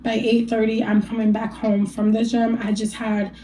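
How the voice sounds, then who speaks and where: A woman's voice: fairly high pitch, monotone, normal speed, mellow, a little hiss or hum, rough recording. A young adult woman vlogging candidly about her weight loss, chatty and encouraging, laughing now and then and sounding a little stuffy from allergies. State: allergies, a bit stuffy after a rough night. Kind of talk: casual talk to camera.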